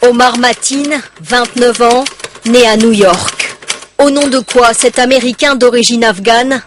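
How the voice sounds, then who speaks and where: A woman narrating a television news report in a clear, steady voice. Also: fairly high pitch, a little slow, slight background noise.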